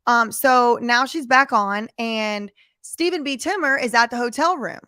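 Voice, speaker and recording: Woman commentator, highish voice, dry sound, casual but emphatic, asks viewers loads of questions. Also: measured pace, pushed and bright, smooth, dry recording. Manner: emphatic, repeats lines and puts rhetorical questions to viewers. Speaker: commentary host. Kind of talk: casual live commentary on footage.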